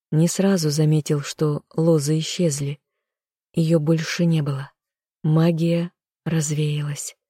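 Audiobook narrator reading dark fantasy, flat steady delivery, dry close sound. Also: mid-range voice, dry recording. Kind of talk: dramatic first-person audiobook narration.

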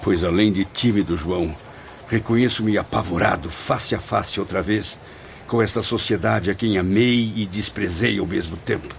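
In a Brazilian radio drama, a male actor plays Camilo, the anguished, fearful spirit of a writer who died by suicide long ago, speaking in formal, solemn language with a troubled mood. His voice is on the low side with vocal fry at normal speed. The recording is dull and lo-fi with a music bed and a little hiss or hum.

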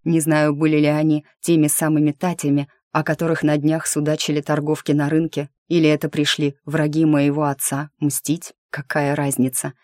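A woman reading a first-person fantasy audiobook in a lively, wry storytelling manner. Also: low-pitched, normal speed, hardly any pauses, no room sound, clean studio sound. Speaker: audiobook narrator. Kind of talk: scripted fantasy narration.

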